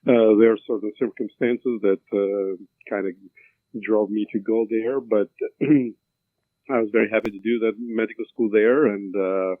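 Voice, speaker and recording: A man in his fifties with an Albanian accent, a neurosurgeon answering interview questions in a halting way with many fillers and restarts. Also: on the low side, steady tone, no room sound. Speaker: neurosurgeon guest. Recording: tinny phone-like line, dry.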